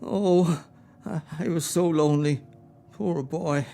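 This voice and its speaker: A man's voice: a little high, takes it slowly, vocal fry, dark tone. A man acting an old miser, Ebenezer Scrooge, in a radio play, with a quavering, stammering delivery. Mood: wistful. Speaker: amateur radio play actor.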